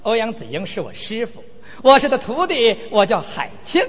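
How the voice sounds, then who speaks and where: A proud, defiant young female fighter from a storyteller's tale, played by a man, high and lively in pitch. The recording is dull and lo-fi with a long hall reverb. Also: normal speed, slightly rough, heavily acted. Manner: proud, challenging.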